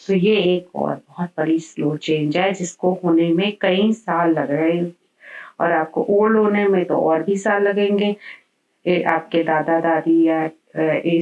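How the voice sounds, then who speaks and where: A woman teacher giving a school science lesson, explaining slowly and mixing English terms into her talk. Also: fairly low pitch, darkish tone, echoey room, distant mic, highs cut off.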